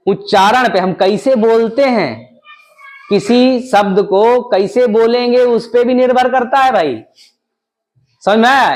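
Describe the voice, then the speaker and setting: A man teaching English grammar in a classroom style, mixing Hindi with English terms and asking and answering his own questions. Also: high voice.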